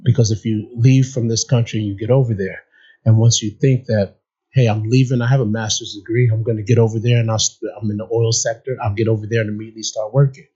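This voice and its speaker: A man born in Nigeria and raised in upstate New York speaks as an interview guest, his voice low and husky. He explains earnestly, and the recording is a bit dull. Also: steady tone, fast, mellow. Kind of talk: casual interview.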